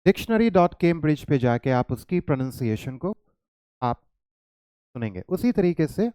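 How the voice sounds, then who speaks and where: A man's voice: fairly high pitch, sing-song, a little slow, mellow, clean tone, dry recording, studio quality. An Indian man teaching an English lesson, mixing Hindi and English and quizzing his students with coaxing questions. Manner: coaxing, questions to students, calls them "child".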